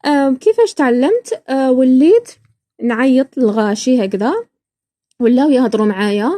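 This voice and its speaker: Hosting a podcast, a woman from Iraq talks in a casual, chatty monologue, often breaking off and restarting her words. Her voice sits high and has a dark tone, expressive and brisk, with no room sound.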